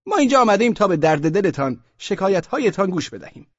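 In a sing-song manner, a man voices an audiobook character, an evasive official who is flustered and insistent, stammering, hedging and pleading at a high pitch. The recording is dull and dry.

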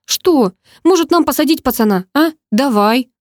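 A woman's voice: sits high, lively intonation, moderate pace, dry recording, studio quality, voice pushed up. A woman voicing an anxious middle-aged mother who pleads with her family, in a novel reading. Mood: pleading. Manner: pleading, tearful emphasis.

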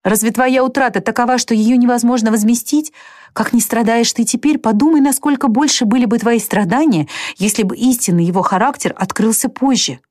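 A woman voicing a calm elder sister who speaks low and soft, steady and soothing. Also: a little fast, dry recording, studio quality, natural voice. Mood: earnest.

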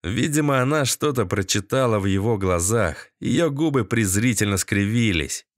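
A man's voice: on the low side, animated, normal speed, no room sound. Male audiobook narrator, dry close sound. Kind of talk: scripted narration.

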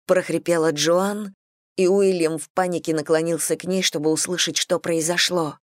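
A woman reading a fantasy story aloud in steady, scripted narration. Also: fairly low pitch, normal speed, no room sound, clean studio sound. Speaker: audiobook narrator.

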